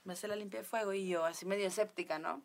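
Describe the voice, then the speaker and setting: A woman's voice: medium pitch, steady tone, fast. Chatty Mexican woman telling a story. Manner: chatty, lots of fillers and quoted dialogue. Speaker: guest. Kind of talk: casual storytelling.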